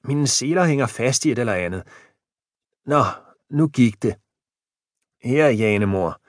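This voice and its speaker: A man's voice: mid-range voice, lively intonation, dry recording, studio quality, close to an everyday voice. A man voicing a gaunt, balding old husband who is hearty and good-natured, in an audiobook. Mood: cheery.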